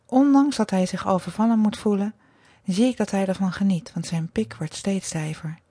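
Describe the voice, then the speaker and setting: A woman hosting an adult radio show, reading her own erotic fantasy aloud in a slow, measured, dominant way. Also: mid-range voice, dark tone, dry recording.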